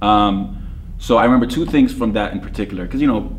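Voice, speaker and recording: A man's voice: on the low side, fast, a little hiss or hum. A man in his thirties, born in Lebanon, guest on a podcast, telling stories in a joking, laughing way. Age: 30s. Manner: jokey, storytelling, laughs often. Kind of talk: casual interview chat.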